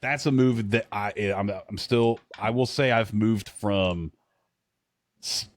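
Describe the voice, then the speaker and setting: A podcast co-host with a fairly low voice talks slowly and casually as he reacts to trailers, rambling and swearing bluntly. There's no echo on the recording.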